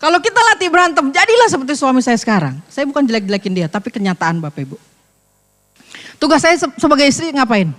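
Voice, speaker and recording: A woman pastor preaching a sermon in a lively, joking, colloquial way. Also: sits high, fast, long reverb tail.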